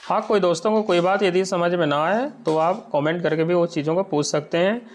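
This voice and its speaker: A man teaching an exam-prep lesson, explaining step by step and often asking whether the point is clear. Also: high-pitched, fairly even intonation. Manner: explains slowly, checks understanding with rhetorical questions.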